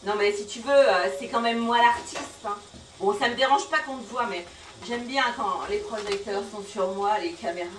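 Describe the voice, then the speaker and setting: On stage in a comic sketch, a woman with a medium-pitched voice recites a poem at normal speed, stumbling over and garbling the words while giggling. The room is echoey and the mic distant, with an audience and background noise audible.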